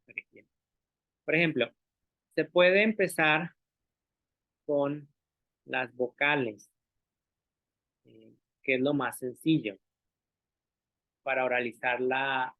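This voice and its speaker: In an explanatory online talk, a male language teacher of ordinary pitch guides listeners patiently through each step, frequently seeking their agreement and demonstrating sounds aloud. The sound is narrow, dry, and tinny like a phone, without any room reverb.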